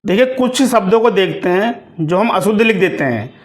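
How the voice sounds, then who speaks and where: A man teaching a grammar lesson for exam preparation, reading out correct and incorrect words slowly and deliberately, one by one. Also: high-pitched, lively intonation. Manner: slow, deliberate, word-by-word dictation of correct and incorrect forms.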